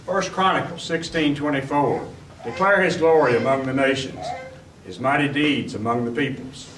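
A man's voice: medium pitch, moderate pace, noisy background, close to an everyday voice. A man playing an earnest young man apologizing to a judge in an amateur church play. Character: young man, eager to keep his job. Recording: roomy hall, mic far off.

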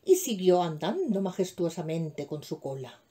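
A woman from telling a children's story as a preschool teacher, reading expressively and playfully with hushed asides to the children. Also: on the low side, big pitch swings, normal speed, breathy edge.

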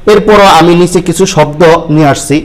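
Male Quran teacher, slightly high voice; patient lesson delivery, drills syllables slowly and repeats them. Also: poor audio. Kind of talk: step-by-step lesson with spoken examples.

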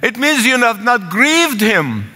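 Older man, Egyptian accent, earnest pleading preacher; high, bright voice; pulpit sermon in a reverberant sanctuary. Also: sing-song, takes it slowly, slightly rough. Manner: earnest, pleading, repeats phrases for emphasis. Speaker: pastor. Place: large church sanctuary with congregation. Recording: long church hall reverb.

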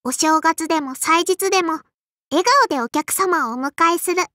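Cheerful and prim, a woman's very high, pushed, bright voice brings to life a small, strict sparrow innkeeper with a childlike lisp and cute verbal tic in an anime mobile game. She delivers the Japanese voice lines at a moderate pace. The sound is dry and cleanly studio-recorded.

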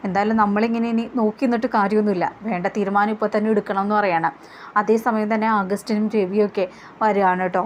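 A woman's voice: mid-range voice, steady tone, fast talker, dull audio, a little hiss or hum. A woman casually recapping a TV serial episode in a chatty retelling style, quoting each character in her own voice. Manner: chatty retelling, often adds "kettoo" tags and quotes characters in her own voice.

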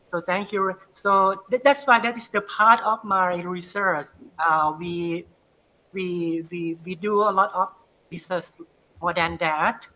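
A man from northeastern Thailand with a Thai accent, a university lecturer presenting his research and answering questions on a video call, halting and repeating words as he searches for them. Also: high-pitched, fairly even intonation, bright, forceful tone, low-quality recording. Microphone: video call webcam.

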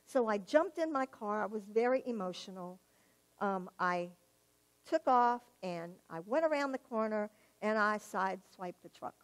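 A woman with a medium-pitched voice shares her personal testimony in church at a moderate pace. She tells her story vividly as an animated storyteller, acting out quoted dialogue and laughing at herself.

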